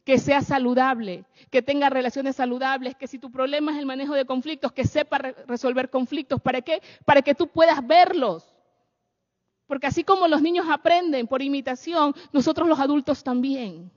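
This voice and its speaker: High-voiced woman preaching in a hall. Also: steady tone, moderate pace. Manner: keeps checking in with the audience with rhetorical questions. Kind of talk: sermon-style talk to an audience. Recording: echoey hall, dull lo-fi sound.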